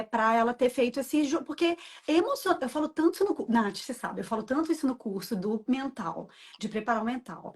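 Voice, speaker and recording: A woman's voice: fairly high pitch, husky. A woman host and childbirth educator, explaining things in an emphatic, passionate way. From Brazil. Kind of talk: casual interview chat.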